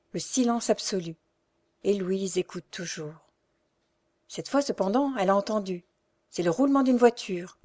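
Female audiobook narrator, measured and dramatic reading. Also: medium pitch, dark tone. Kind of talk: scripted narration.

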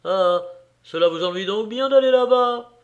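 A man's voice: high-pitched, moderate pace, muffled recording, voice pushed up. A man voicing a cheerful, witty young Parisian journalist with a teasing, jaunty manner.

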